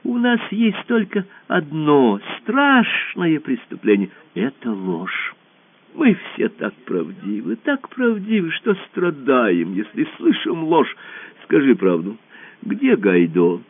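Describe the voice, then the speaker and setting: A man's voice: on the high side, wildly swooping pitch, slow, pitched above the performer's own voice, full character voice. A man voicing a cruel alien emperor who talks in a falsely sweet, coaxing way and now and then hisses threats. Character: sly cruel smooth-talking male alien emperor. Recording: tinny phone-like radio audio.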